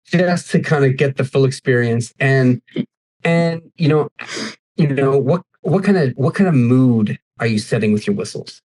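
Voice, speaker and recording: A man narrating as game master of a tabletop game, casual and halting. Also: medium pitch, darkish tone. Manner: casual, halting, laughs often.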